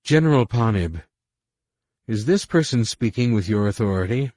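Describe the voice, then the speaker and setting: A man's voice: sits low, lively intonation, a little mellow, breathy edge, dry recording, clean studio sound. A man voicing a composed woman diplomat, a princess who speaks firmly and carefully. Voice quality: measured, firm.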